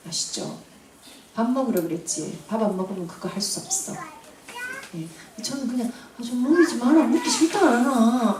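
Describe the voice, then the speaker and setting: A woman in her forties preaching to mothers, acting out family scenes in an animated way. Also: on the high side, a little hiss or hum. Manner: animated, acts out family scenes with audience laughter. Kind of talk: sermon. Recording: roomy hall from a distance.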